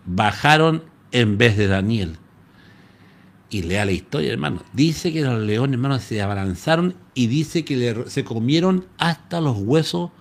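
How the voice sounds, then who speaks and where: A pastor from Chile with a Chilean Spanish accent, preaching a live-streamed sermon in an animated storytelling manner. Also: male voice, medium pitch. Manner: animated storytelling, addresses listeners as "hermano".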